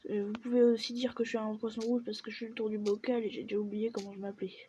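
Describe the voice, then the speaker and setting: A woman narrating her gameplay with a light, slightly high voice, soft and mellow in tone. She chats casually and pokes fun at herself, breaking into excited exclamations. The recording sounds muffled and lo-fi, with faint background noise. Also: very fast. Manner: chatty, self-mocking, excitable exclamations. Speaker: gaming video host.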